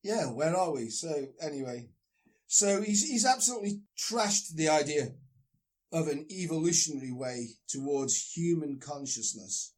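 A man's voice: fairly high pitch, expressive, a little slow. A man on a call, discussing a book in a casual chat and breaking into emphatic, swearing rants. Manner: ranting, emphatic, swears freely. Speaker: discussion partner.

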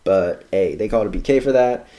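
A man co-hosting a casual podcast chat, relaxed, who repeats phrases for emphasis. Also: fairly low pitch, fairly quick. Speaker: podcast co-host.

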